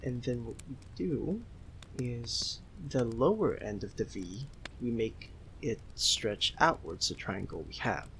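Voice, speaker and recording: An audio roleplay performer voices a giddy, homesick young Filipino friend in an ASMR roleplay, sweet and apologetic, chatting casually in a giggly, hesitant, softly excitable way. His medium-pitched voice moves slowly with a cheerful, instructing mood. The audio is poor, with slight background noise.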